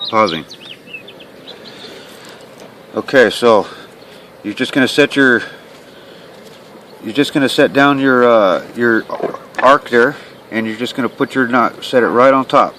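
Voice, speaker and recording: A man's voice: medium pitch, moderate pace, a bit bright. Plain-spoken man instructor, noisy recording. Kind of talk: hands-on how-to demonstration. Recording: clear ambient and handling noise.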